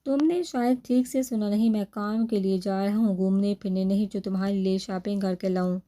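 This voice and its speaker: A woman's voice: mid-range voice, fairly even intonation, mellow, natural voice. A woman voicing a young male police officer who teases his wife in a storybook reading. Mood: teasing.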